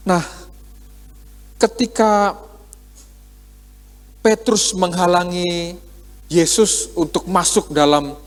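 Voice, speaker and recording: A man preaches in a relaxed, talking style, tossing rhetorical questions at the congregation and acting out little exchanges. His voice sits a touch higher than most men's. Long reverb from the church hall trails after his words. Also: slow, pauses often. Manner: conversational, with quoted dialogue and rhetorical questions. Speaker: pastor. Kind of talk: sermon.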